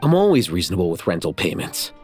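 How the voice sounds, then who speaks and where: A dry, composed young man from a video game. His low voice stays measured and deadpan, with a sardonic edge. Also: husky, faint music behind, heavily acted. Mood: dry teasing.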